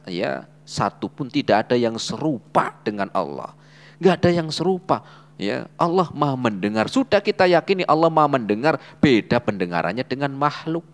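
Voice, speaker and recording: A man giving an Islamic study lecture as a religious teacher, preaching in a lively way, asking rhetorical questions and dropping frequent short fillers. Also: mid-range voice.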